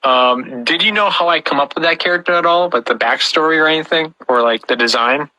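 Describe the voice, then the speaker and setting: A man's voice: a little high, fairly quick, sharp tone, dry recording, poor audio. A man hosting a casual podcast about puppets, telling stories with frequent restarts. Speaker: podcast host and puppet creator.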